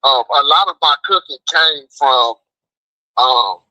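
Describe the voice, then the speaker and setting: Calling in by phone, an American guest who cooks on a food truck chats and tells stories in a slangy, emphatic style, repeating phrases often. He speaks slowly at a medium pitch with a sharp tone, and the recording is rough with no room sound.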